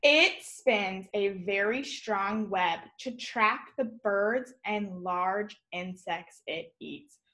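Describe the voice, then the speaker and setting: In a low-quality recording made indoors at home, a young elementary school teacher reads a children's nonfiction picture book aloud with expression, adding informal explanations and exclamations for young listeners. Her mid-range voice is a bit bright, and she reads slowly with hardly any pauses.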